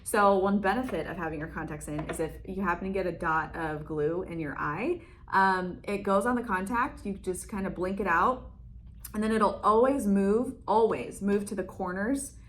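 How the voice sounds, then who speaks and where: A woman's voice: mid-range voice, moderate pace, a little hiss or hum. A young woman chatting casually through a lash-application tutorial in her salon, laughing often and using lots of fillers. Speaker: beauty vlogger.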